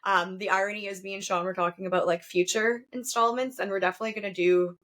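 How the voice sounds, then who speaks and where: Brief: thirties female podcast co-host, mid pitch, easygoing chatter with frequent fillers. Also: fairly even intonation, fast, fairly bright tone. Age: 30s. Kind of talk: casual horror movie chat.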